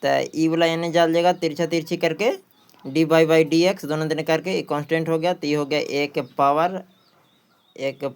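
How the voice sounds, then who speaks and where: A man with a Bihari accent runs a maths exam practice lesson, working through questions in a smooth, steady voice on the high side at a moderate pace. He repeats phrases and poses questions that he then answers himself.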